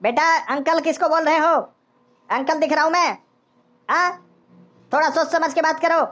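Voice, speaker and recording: A woman's voice: steady tone, moderate pace, fairly bright tone, muffled recording. Woman doing a grumbling, touchy bald young man. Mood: offended. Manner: offended, lower and grumbling. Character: touchy balding young man, called uncle. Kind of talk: cartoon voice acting.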